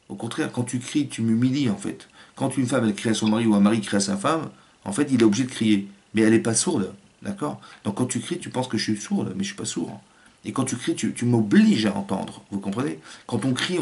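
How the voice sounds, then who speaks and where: A man, a rabbi, giving a Torah lecture in an animated way, acting out family voices and restarting his phrases often. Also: on the low side, vocal fry.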